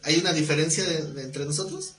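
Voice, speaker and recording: A man's voice: fairly high pitch, fast, a bit bright, soft background music. A man teaching an exegetical Bible class. He talks colloquially, jokes, and keeps asking the class questions. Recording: echoey room with faint background noise.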